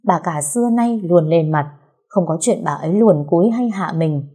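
A woman tells a dramatic story in a vivid, expressive way. Her voice is low, mellow and husky. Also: moderate pace.

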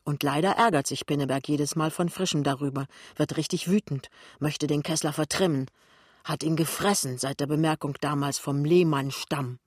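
A man reading a novel aloud in a steady, plain storytelling manner. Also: on the high side, moderate pace, no room sound, studio quality. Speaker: reader. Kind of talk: literary reading.

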